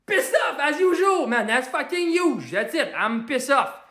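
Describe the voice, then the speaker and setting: In a full character voice that sits high and swings widely in pitch, a performer plays the Quebec Hulk, a hot-headed working-class Quebecer who is angry all day. At a moderate pace in a roomy space, he rants loudly at viewer comments on a comedy livestream, in broken English mixed with French and a strong Québécois French accent.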